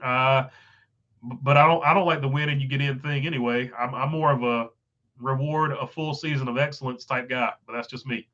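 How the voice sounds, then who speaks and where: This stuffed-up livestream host, his voice going, chats casually through the comments with frequent fillers. His medium-pitched delivery is brisk and fairly even in intonation, pushed and bright, with lo-fi sound.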